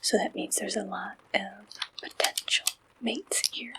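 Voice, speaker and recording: Whispering breathily right up against the mic, a woman plays a receptionist in an ASMR roleplay. She keeps it gentle, reassuring, and unhurried, with a medium pitch and fairly even intonation.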